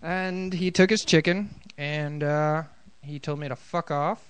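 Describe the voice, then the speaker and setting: A man's voice: on the high side, steady tone, a little slow, a crowd in the background. A man in a casual podcast chat, telling an anecdote and defending himself. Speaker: podcast guest.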